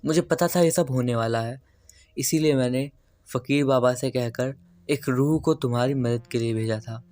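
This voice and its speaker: A man voicing a calm older priest who explains and reassures, in a spoken horror story. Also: mid-range voice, moderate pace, no echo, close to an everyday voice. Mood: reassuring.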